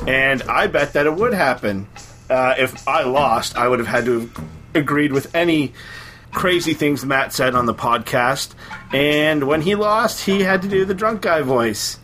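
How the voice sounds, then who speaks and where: A man co-hosting a podcast in casual chat, chatty and quick to laugh, with many ums and uhs. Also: a little high, fairly bright tone, soft background music. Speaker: podcast co-host.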